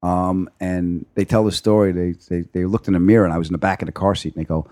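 A man's voice: low-pitched, quick pace. A male comedian telling casual anecdotes, acting out quoted lines and swearing freely. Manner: animated, profane, acts out quoted lines. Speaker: stand-up comedian guest.

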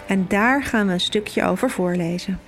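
A woman presenting a children's book programme, explaining clearly and asking gentle questions. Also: mid-range voice, moderate pace. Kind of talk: scripted presenting and interviewing. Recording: music clearly heard behind the voice. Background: background music.

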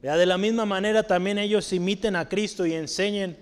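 A man leads a Bible study, his voice sitting high. He breaks words into their roots and keeps checking that the congregation follows. The sound carries a long reverb, as in a hall. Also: steady tone, clear, resonant tone. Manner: asks the audience questions often, tag questions like "¿sale?"; explains word roots slowly, writing on a board. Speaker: Bible teacher.

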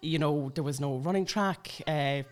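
A woman's voice: deep voice, moderate pace. A woman around forty from Sligo with a West of Ireland accent, chatting informally as a podcast guest. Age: late 30s to around 40. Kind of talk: casual conversational interview, reminiscing.

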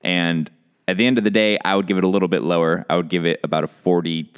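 Male podcast co-host, low pitch, resonant, relaxed, blunt. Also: fast talker, smooth. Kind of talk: casual chat.

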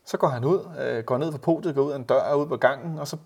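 A man co-hosting a casual football podcast, telling lively anecdotes and imitating the people in them. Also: medium pitch, breathy edge. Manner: animated storyteller, mimics others in anecdotes. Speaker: podcast co-host.

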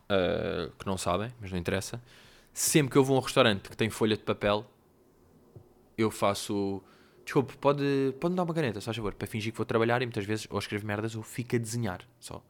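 A man's voice: fairly low pitch, fairly even intonation, moderate pace, pauses often. A young man with a European Portuguese accent hosting a casual solo monologue, telling stories in a rambling, slangy, self-mocking way. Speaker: podcast host.

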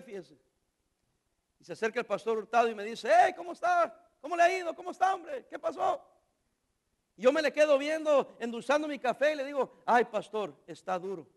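High-voiced, bright preaching man. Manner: preaching with rhetorical questions to the congregation; animated, acts out quoted voices. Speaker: pastor. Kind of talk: sermon.

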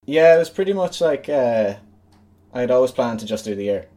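A man's voice: medium pitch, animated, moderate pace, dark tone. A man in his late twenties with a west of Ireland accent, chatting casually and informally as an interview guest. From Galway, west of Ireland. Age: late 20s. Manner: informal, often laughing. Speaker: guest, musician and DJ.

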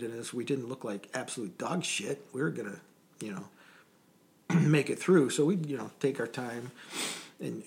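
A man's voice: mid-range voice, creaky. A man telling rambling, chuckling anecdotes from his time in military training, as a guest in a casual interview. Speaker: interview guest, former Coast Guard sailor. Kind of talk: casual storytelling.

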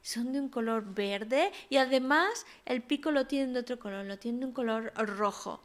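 Woman doing a dreamy unhappy swan from a fable, kinda higher voice. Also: normal speed, close to an everyday voice.

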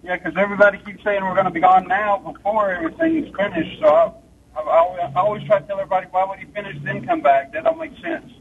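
A man's voice: sits high, sing-song, fast, gravelly, recorded from a distance, slight background noise. A man with a Southern US accent calling in on his car speakerphone while driving. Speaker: caller. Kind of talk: call-in question. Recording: tinny phone line from a car.

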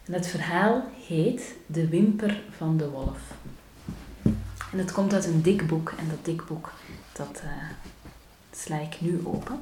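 A woman hosting a short daily podcast, gently reading a story aloud in a calm, unhurried way. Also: sits low, noisy background. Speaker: podcast host. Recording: roomy echo.

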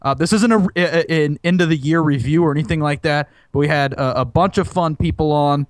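A man's voice: on the high side, brisk, dry recording. A young man co-hosting a casual podcast, teasing his co-host with mock-dramatic complaints.

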